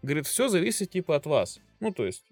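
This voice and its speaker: Lively laughing man in his thirties. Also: fairly high pitch, quick pace, no room sound, faint music behind. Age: 30s. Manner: rambling, laughs often, crude jokes. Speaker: podcast co-host. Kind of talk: casual joking podcast chat.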